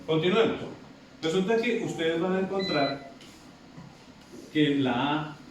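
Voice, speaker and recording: A man with a somewhat high voice lectures to a class, often repeating words and checking that students follow. He sounds far from the microphone in a very echoey classroom. Steady room noise runs under his voice. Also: measured pace. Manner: repetitive, asks students checking questions. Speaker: English teacher. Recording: very echoey classroom from afar, noisy.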